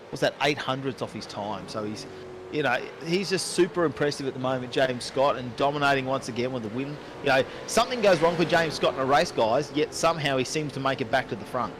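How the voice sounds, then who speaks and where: A man hosting live sim racing commentary, chatty and quick to rattle off positions and times. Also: medium pitch, a little hiss or hum.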